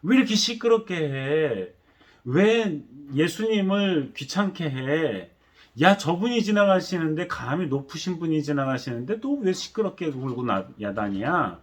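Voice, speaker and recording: A man's voice: high-pitched, sing-song, normal speed, a bit bright, voice pushed up. A man voicing an irritated crowd that snaps and rebukes a noisy beggar, in a sermon. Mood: annoyed scolding. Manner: snapping, rebuking. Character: scolding crowd of irritated townspeople.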